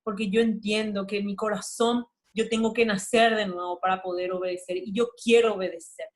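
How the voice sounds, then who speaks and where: A woman's voice: medium pitch, fairly even intonation, brisk, natural voice. A woman quoting a contrite little boy. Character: remorseful little boy who is crying.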